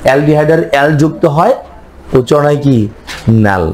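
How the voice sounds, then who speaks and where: A man's voice: medium pitch, brisk, rough recording. A man teaching chemistry, quizzing his students and answering his own questions. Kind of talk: classroom lecture.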